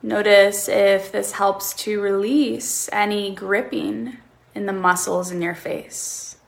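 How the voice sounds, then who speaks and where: Slow, creaky woman counting breaths in meditation. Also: medium pitch, little pitch movement. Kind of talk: guided relaxation meditation.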